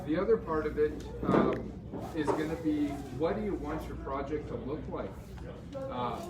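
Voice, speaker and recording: A man talks through a face mask in an easygoing, explanatory demo style. His voice is picked up from a distance in a roomy indoor space. A loud crowd chatters around him as he explains things conversationally. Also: medium pitch. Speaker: woodcraft demo presenter, guitar maker. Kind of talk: informal live demonstration talk. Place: busy store demo area, indoors.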